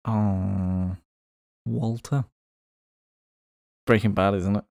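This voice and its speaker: A man's voice: on the low side, fairly even intonation, drawn-out words, vocal fry, a little mellow, dry recording, clean studio sound. A man co-hosting a casual podcast chat, guessing aloud in a playful way with lots of hesitation. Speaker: podcast co-host.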